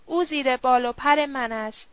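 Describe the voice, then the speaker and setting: A woman's voice: high-pitched, clean tone, dry recording, lo-fi sound, close to an everyday voice. A woman voicing a stern, guarded young man who speaks in curt, firm refusals. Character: stern young male Zoroastrian, guarded and protective.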